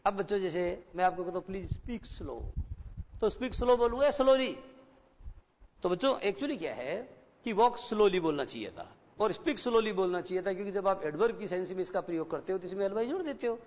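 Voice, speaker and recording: A man teaching an English class to schoolchildren, explaining slowly and asking them rhetorical questions. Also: high-pitched, expressive, darkish tone. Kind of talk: classroom lecture. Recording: dull lo-fi broadcast with long reverb.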